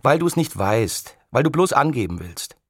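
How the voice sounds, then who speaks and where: A man's voice: mid-range voice, very animated, moderate pace, no room sound, clean studio sound, pitched above the performer's own voice. A man reading aloud, lifting his voice to play a sceptical, know-it-all young girl who challenges her friend.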